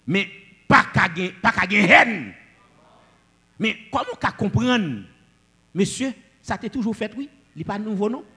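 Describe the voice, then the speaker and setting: A man preaching a sermon, swinging between loud declamations and low asides. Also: expressive, unhurried, long pauses, breathy edge, in a large hall.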